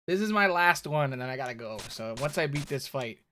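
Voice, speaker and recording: A man's voice: on the high side, lively intonation, brisk, pushed and bright, slight background noise. A man doing casual, sweary, joking commentary as he streams a video game. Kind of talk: casual gaming commentary and chat. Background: music, clearly heard.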